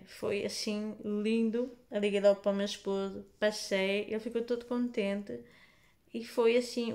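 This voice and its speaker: A woman with a European Portuguese accent, telling a personal faith testimony in a casual, animated vlog, acting out the dialogue. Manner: animated, acts out dialogue in lowered voices.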